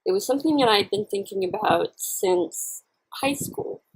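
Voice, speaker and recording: Casual mukbang-style vlogger, female: reflective and candid, expressive intonation, gravelly fry, talks while chewing. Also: medium pitch, normal speed, rough recording. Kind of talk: casual personal chat to camera while eating.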